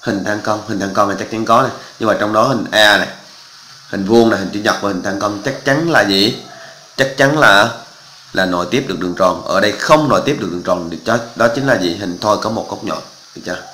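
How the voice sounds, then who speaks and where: A man's voice: fairly low pitch, a little fast, bright, forceful tone, roomy sound, a little hiss or hum, low-quality recording. A male math teacher, walking through exam answers step by step and often checking that students follow. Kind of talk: exam walkthrough lesson.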